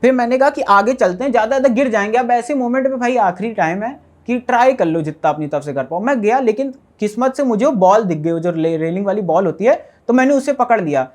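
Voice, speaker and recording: Man earnestly recounting a fire, voice dropping low. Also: animated, fast, hardly any pauses. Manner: earnest, rambling retelling with many fillers, often dropping quieter. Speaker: fire survivor interviewed in a ground report. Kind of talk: eyewitness account in an interview.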